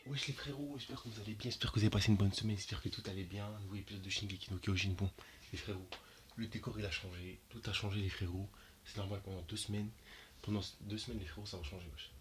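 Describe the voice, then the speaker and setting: A young man giving casual reaction commentary to his viewers, slangy and excitable, his voice jumping high and loud when he is shocked. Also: quick pace, noisy background. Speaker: anime reaction YouTuber.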